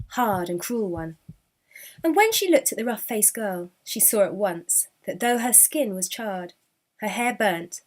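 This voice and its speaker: A woman storyteller with a mid-range voice narrates a children's picture book expressively, lingering on key words with deliberate emphasis.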